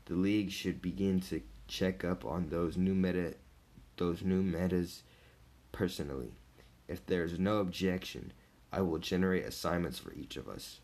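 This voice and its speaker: A man reading the lines of a grave, commanding male alien hero in a low, gravelly, formal way. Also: normal speed, darkish tone.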